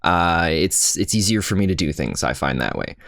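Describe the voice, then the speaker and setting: A man's voice: sits low, sing-song, moderate pace, vocal fry, a bit bright, no room sound, studio quality. A young man co-hosting a podcast, chatting casually with lots of fillers and easy laughs. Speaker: podcast co-host. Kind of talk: casual chat. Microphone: podcast microphone.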